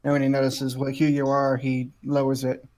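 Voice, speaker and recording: A man's voice: mid-range voice, completely flat delivery, fairly quick, darkish tone. A man chatting casually as a participant in a tabletop role-playing game.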